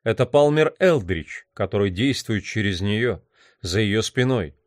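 Low-voiced man narrating a novel. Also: lively intonation, a little slow, no room sound, studio quality. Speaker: audiobook narrator. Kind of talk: scripted narration.

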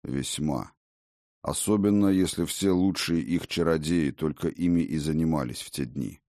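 A man reading an audiobook, voicing an ancient, stern father-god who speaks with command and bursts into booming declarations. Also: moderate pace, dark tone, dry recording, studio quality. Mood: grave.

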